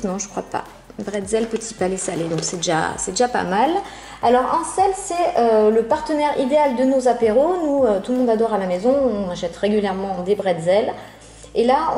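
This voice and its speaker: A woman's voice: a little high, mellow. Chatty woman unboxing, hesitant fillers. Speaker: food vlogger reviewing a subscription box. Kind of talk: casual unboxing review. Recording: roomy echo.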